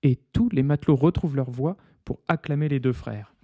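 A man reading a children's pirate story aloud with lively, expressive narration. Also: mid-range voice, a little fast, slightly rough, no echo, studio quality.

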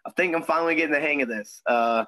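A man's voice: on the high side, fast, pushed and bright, no echo, low-quality recording. A young man co-hosting a podcast in casual chat, talking easily with frequent ums and laughs. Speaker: podcast co-host. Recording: dry close sound.

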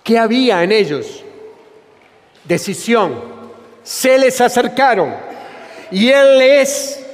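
A man's voice: extremely high pitch, animated, takes it slowly. A man preaching a sermon with a Rioplatense Spanish accent, repeating phrases for emphasis. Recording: long reverb of a church hall.

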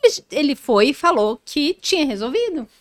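High-voiced Brazilian woman telling a story. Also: sing-song, dry recording, clean studio sound. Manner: personal storytelling, halting restarts. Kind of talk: casual podcast conversation.

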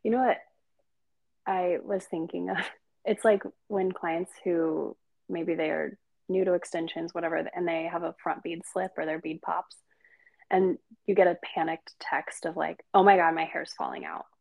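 A woman's voice: fairly low pitch, steady tone, unhurried, creaky, darkish tone, no room sound. A woman co-hosting a podcast about hair styling, speaking casually and encouragingly about handling clients. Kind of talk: casual chat.

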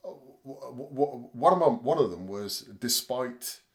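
A man's voice: mid-range voice, expressive, a little slow. A man hosting a casual podcast chat, rambling and hesitant with many fillers and restarts. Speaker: podcast host.

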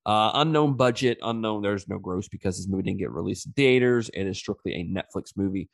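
Male podcast host, blocked-sinus nasal tone like a pinched nose, lowish, dry sound, casual and sweary. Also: brisk, gravelly, no room sound. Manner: casual, profane, slangy. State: stuffed up with a sinus infection. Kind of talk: casual movie review podcast chat.

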